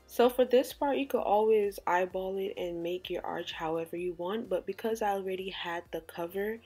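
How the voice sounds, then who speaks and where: A woman's voice: medium pitch, normal speed, a little mellow, husky, soft background music. A woman hosting a DIY craft tutorial in a casual, conversational style.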